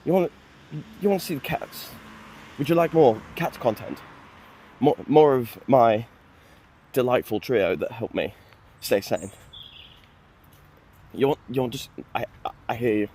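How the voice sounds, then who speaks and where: A man talking into a phone at arm's length while out on a walk. He rambles casually at a middle pitch, making jokes at his own expense and throwing in lively asides. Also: a little slow, long pauses, a little hiss or hum. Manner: joking, self-mocking, lively asides. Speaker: vlogger. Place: outdoors on a walk.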